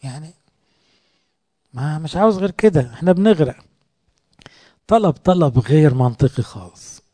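Lively Egyptian preacher, dark dry voice. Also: male voice, a little high, normal speed, no echo. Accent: Egyptian Arabic. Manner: lively, conversational, rhetorical questions to the congregation. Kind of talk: sermon.

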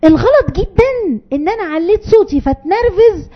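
This woman, a parenting educator with an Egyptian Arabic accent, speaks in a very high, animated voice, a little fast, on a lo-fi recording. Giving a talk to an audience, she's emphatic, repeats key phrases, and acts out short parent-child exchanges.

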